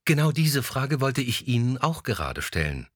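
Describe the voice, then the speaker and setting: A man's voice: medium pitch, big pitch swings, moderate pace, no room sound, studio quality, voice pushed up. A man reading an audiobook, voicing a blunt, stubborn young woman who speaks curtly and insistently with a raised voice. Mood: indignant. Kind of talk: audiobook dialogue.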